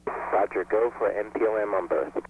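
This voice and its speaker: Husky man over a crackly space radio link. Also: on the low side, normal speed, phone-quality sound. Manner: clipped, businesslike. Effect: space-to-ground radio link. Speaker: shuttle crew member. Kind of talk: terse radio callouts. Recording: distant, crackly radio downlink.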